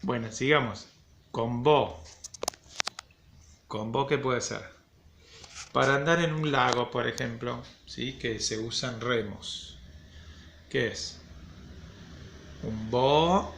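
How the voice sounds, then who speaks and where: A gravelly-voiced man leads a children's phonics lesson in a slow, patient rhythm. His way of talking is playful and encouraging. Faint room noise sits behind him. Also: medium pitch, a bit bright. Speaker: primary school teacher.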